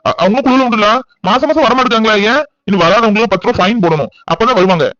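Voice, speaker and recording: Man voicing an impatient rapid loan collector. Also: high voice, a bit bright, no room sound. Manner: brisk, demanding. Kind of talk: cartoon voice acting. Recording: dull lo-fi dry recording.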